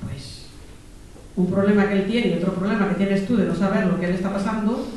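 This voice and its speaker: A woman's voice: mid-range voice, fairly even intonation, fairly quick, mellow. A woman from teaching a spiritual class to a group, asking them questions and repeating lists of examples. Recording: very echoey room, distant mic, faint hiss.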